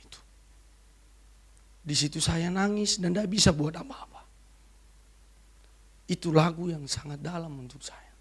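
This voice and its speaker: A woman evangelist giving an emotional sermon testimony to a church congregation, swinging from loud to hushed. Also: low voice, measured pace, pauses often, husky. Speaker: evangelist preacher. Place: church service.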